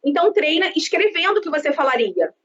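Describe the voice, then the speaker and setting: Brazilian woman, 30s, sales consultant; outgoing, animated talker; high voice, dull lo-fi call audio. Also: quick pace. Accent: Brazilian Portuguese. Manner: expansive, lively, self-described outgoing talker. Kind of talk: conversational interview on a live stream. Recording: dull lo-fi sound with faint background noise.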